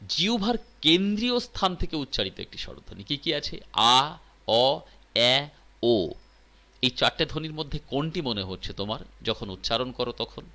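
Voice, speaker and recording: A man's voice: medium pitch, very animated, normal speed, pushed and bright. A man teaching a recorded exam-prep lesson in Bengali. He reads out multiple-choice options, asks the listener which is right, then explains the answer.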